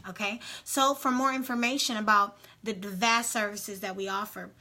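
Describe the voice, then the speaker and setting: Young woman vocal coach, chatty and rambling, bright ringing voice, mid-pitched. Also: steady tone, moderate pace. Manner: chatty, rambling with many restarts and fillers. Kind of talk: casual talk to camera.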